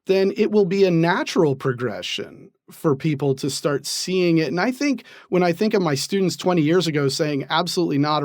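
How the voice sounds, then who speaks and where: A man, a professor, explaining ideas in an interview with lively, laughing asides. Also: fairly high pitch, no room sound, studio quality. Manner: animated, laughs while explaining. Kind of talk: interview answers.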